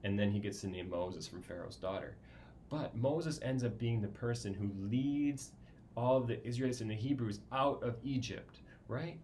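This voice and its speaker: A man's voice: medium pitch, moderate pace, a little mellow, slight background noise. A man teaching a children's Bible lesson, explaining casually with frequent "right?" check-ins.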